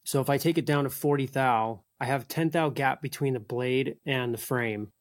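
A man's voice: mid-range voice, normal speed, dry recording, studio quality. A man in casual shop talk, a machinist thinking aloud as he works through his plan. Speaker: machinist making folding knives.

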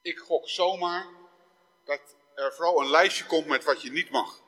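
A man delivers a sermon in a conversational way, raising his voice dramatically when he reads scripture aloud. His voice sits high and sounds bright and forceful. The sermon rings out with a long reverb in a church hall. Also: unhurried. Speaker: preacher.

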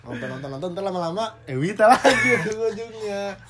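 A man's voice: high-pitched, lively intonation, fairly quick, over a noisy crowd. A young man with a Jakarta Indonesian accent co-hosting in casual, slangy banter, joking and teasing. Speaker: podcast co-host. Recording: clearly noisy background.

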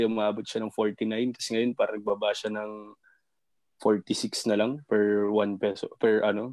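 A half-Japanese man chatting casually as a guest over a video call from home, relaxed and hesitant, with many fillers and frequent laughs. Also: on the low side, dry recording.

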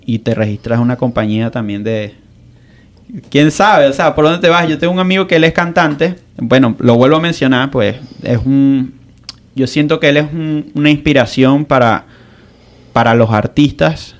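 A man's voice: mid-range voice, normal speed. A man, a musician guest on a podcast, rambling in casual chat with many restarts.

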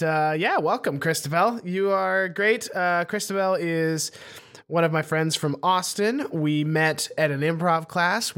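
A man hosting a comedy podcast in a relaxed, chatty way, laughing often. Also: fairly high pitch. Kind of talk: casual podcast chat.

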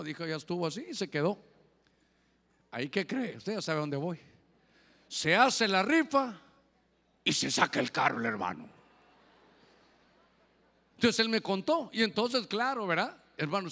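A man's voice: high voice, fairly bright tone, in a large hall. A man preaching a sermon as pastor, telling stories and calling his listeners "brother".

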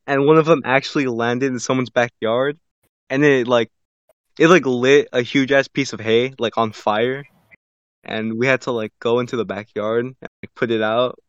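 A man's voice: medium pitch, fairly even intonation, normal speed, clean tone, dry recording. A man co-hosting a podcast who tells long, rambling stories in casual chat, peppering them with "like" and "bro.". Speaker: podcast co-host. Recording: dry, dull lo-fi sound.

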